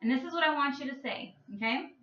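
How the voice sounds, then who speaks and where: A woman's voice: high voice, fast talker, sharp tone. A woman teaching a children's math lesson through a story, playful and coaxing, stretching out her words. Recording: echoey room with a muffled sound.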